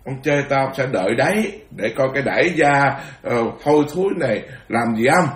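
A man playing a proud young woman who has been slighted speaks with indignant, vengeful threats. The voice is a bit louder than his storytelling. The room has an echo. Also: mid-range voice, animated, moderate pace, close to an everyday voice. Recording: roomy echo.

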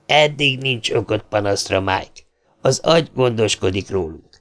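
A man voicing a calm, wry male astronaut who speaks reassuringly. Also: on the low side, natural voice.

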